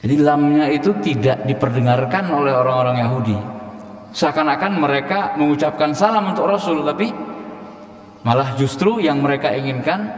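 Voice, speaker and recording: A man teaching a Quran exegesis lesson, talking in a lively way and acting out the greetings he quotes. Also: fairly high pitch. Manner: lively, acts out quoted greetings with shifting intonation. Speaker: Islamic teacher. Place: Islamic boarding school hall. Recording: echoey hall with long reverb.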